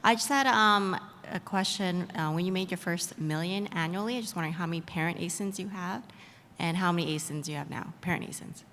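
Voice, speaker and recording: A woman's voice: lowish voice, a little fast, fairly bright tone, a little hiss or hum. A woman from Canada politely thanks the panel and asks them a question. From Toronto, Canada. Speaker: audience member asking a question. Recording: distant mic in a reverberant hall.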